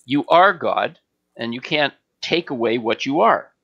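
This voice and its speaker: Speaking deliberately and emphatically, with frequent pauses, a man teaches in an unscripted spiritual question-and-answer session streamed online. His medium-pitched voice is pushed and bright with lively intonation, though the audio is dull.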